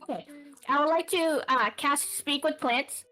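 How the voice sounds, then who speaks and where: A woman's voice: high-pitched, a little slow, bright, forceful tone. A woman playing in a tabletop game, polite and hesitant, with many fillers. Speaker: player. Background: faint background music.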